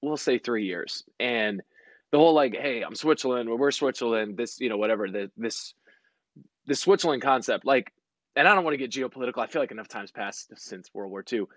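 A man's voice: medium pitch, brisk, a bit bright, no room sound. A man of forty, a sports broadcaster guesting on a podcast, talking in a rambling, tangential way and laughing often. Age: 40s. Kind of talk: casual chat.

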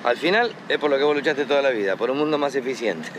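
An actor playing a fast-talking Argentine son with a hustler's patter, quick and exasperated. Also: male voice, medium pitch, animated, natural voice. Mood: ranting. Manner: rapid, wheeling-dealing, exasperated. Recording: film scene with road noise.

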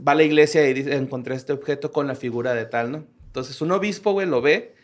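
A man with a Mexican accent and a voice a little higher than average. He hosts a loose, casual chat, sharing odd stories in profane, slangy, informal language. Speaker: podcast host.

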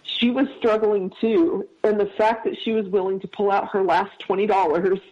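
A man as a podcast guest, telling a personal story in a heartfelt, halting way with many restarts. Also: high voice, level tone. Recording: dull lo-fi sound.

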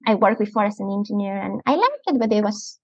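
Speaking fast and animatedly, a woman in her thirties with a mid-range, darkish, slightly rough voice and a Latin American Spanish accent appears as an interview guest. She's a chatty outdoor preschool educator from Ecuador who laughs often and is full of enthusiasm. The muffled, lo-fi podcast audio has no echo.

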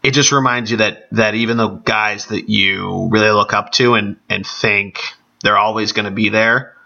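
A man hosts a sports podcast alone in a casual, chatty way. His voice is on the low side and gravelly from allergies, with a bright, forceful edge. The recording is somewhat dull and lo-fi. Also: fairly even intonation, normal speed. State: congested with allergies. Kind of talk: casual solo podcast talk. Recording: dull, band-limited podcast audio.

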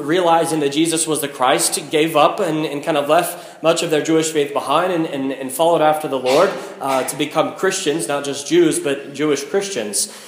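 A man serving as priest, reading scripture and preaching in a measured, solemn way, his voice ringing in a cathedral echo. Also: on the high side. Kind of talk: liturgical reading and homily. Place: large church.

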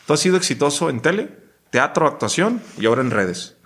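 A man's voice: on the high side, sing-song, fairly quick, fairly bright tone. A man with a Mexican accent hosting a casual podcast chat, teasing and slangy, laughing a lot. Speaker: podcast host.

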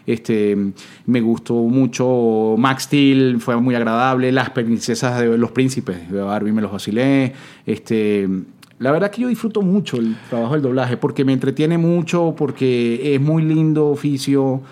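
A man with a Caracas accent talks casually on a podcast as a guest. He tells stories at an easy pace, dropping fillers as he goes. His pitch sits in the middle. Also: a little slow. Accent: Venezuelan, Caracas. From Caracas, Venezuela. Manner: relaxed storytelling with frequent fillers. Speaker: voice actor guest.

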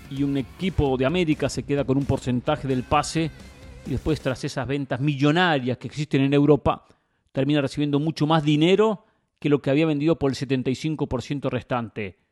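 A man's voice: mid-range voice, darkish tone, no echo. A man giving opinionated football commentary as a host, emphatic and fond of rhetorical questions and repetition.

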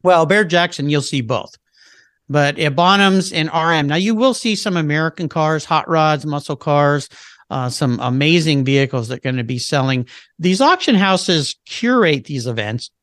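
A man's voice: a little high, lively intonation, moderate pace, fairly bright tone, no echo, clean studio sound. A man talking casually and with enthusiasm in a radio interview, using plenty of fillers. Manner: chatty and enthusiastic, with many fillers. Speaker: car show host and guest expert.

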